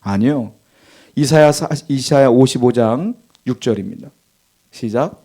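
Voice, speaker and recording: A middle-aged man preaching a sermon as pastor, lively, swinging between loud exclamations and hushed asides. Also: medium pitch, unhurried.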